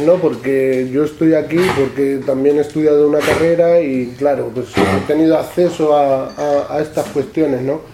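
Halting Manchegan man giving a talk. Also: a little high, warm tone, a little hiss or hum. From La Mancha, Spain. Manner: halting, repeats words and adds "¿no?" often. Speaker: author presenting his books. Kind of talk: public talk. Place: event room with an audience. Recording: echoey room.

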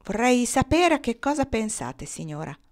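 A woman's voice: on the high side, very animated, moderate pace, darkish tone, pitched above the performer's own voice. A woman reading aloud, voicing a humble but shrewd peasant man. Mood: curious. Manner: read aloud with light character voicing.

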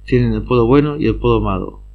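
A man reads through philosophy study notes in an even, mid-range voice, tripping over words now and then and going back to fix them. The recording is a little dull and muffled. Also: medium pitch, fast. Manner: reads steadily with frequent slips and restarts. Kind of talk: reading lecture notes aloud.

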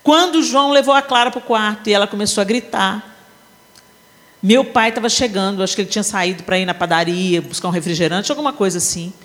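A woman's voice: medium pitch, fairly quick. A woman with a Brazilian Portuguese accent preaching at a women's conference, telling family stories with humor and acting out the scenes. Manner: animated, acts out family scenes with shifting voices. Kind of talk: sermon with humorous storytelling. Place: large conference hall. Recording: long hall reverb.

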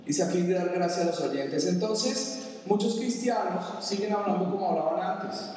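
A man preaching a sermon with a fairly high voice. He reads out verses and explains them with plain examples. His voice rings through a big reverberant church hall, picked up from a distance with a faint hiss behind it. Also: moderate pace, a little mellow. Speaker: pastor. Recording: roomy reverberant hall, distant mic, faint background noise.

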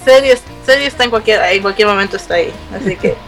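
A woman's voice: medium pitch, quick pace, soft background music. A woman guest on a podcast, chatting in a playful, affectionate way. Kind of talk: casual chat.

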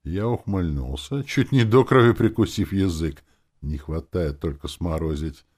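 Low husky male audiobook narrator. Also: lively intonation, a little slow, darkish tone. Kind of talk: first-person audiobook narration.

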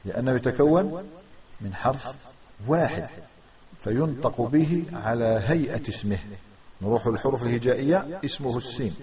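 A man's voice: mid-range voice, a little mellow. A man with a Maghrebi Arabic accent teaching a religious grammar lesson, methodically repeating rules and posing questions to the class. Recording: distant dull recording with a crowd audible.

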